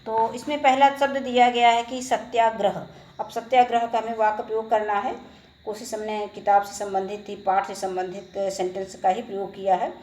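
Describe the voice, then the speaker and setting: A woman teacher explaining a school textbook lesson, reading each question and answer in a steady, methodical way. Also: fairly high pitch, moderate pace, reverberant, low-quality recording.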